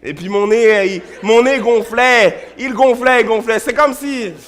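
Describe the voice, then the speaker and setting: A high-pitched man preaching in a church. He tells stories, repeats words in bursts and swings between loud and hushed delivery. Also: a little slow. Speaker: pastor. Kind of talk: sermon.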